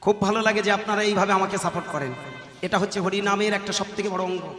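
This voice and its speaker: A man's voice: high voice, fairly even intonation, fast talker, a bit bright. A man preaching in a devotional kirtan sermon with a Bengali accent, questioning his audience rhetorically from a stage. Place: stage before a live audience. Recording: echoey hall with music behind.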